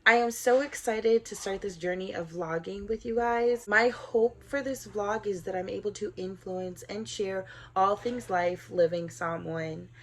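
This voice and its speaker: A woman's voice: medium pitch, unhurried, hardly any pauses, a bit bright. A woman in her twenties from Southern California, introducing herself in an earnest, upbeat scripted vlog. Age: 20s. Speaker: vlogger.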